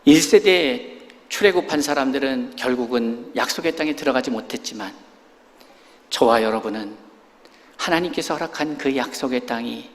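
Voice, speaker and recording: A man's voice: medium pitch, moderate pace, in a large hall. A man preaching a sermon as a pastor, talking in a conversational way with many rhetorical questions, in a church sanctuary.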